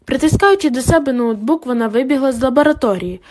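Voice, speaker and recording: A woman narrates a novel aloud in measured, scripted storytelling. Her voice sits slightly high. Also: animated, darkish tone. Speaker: audiobook narrator.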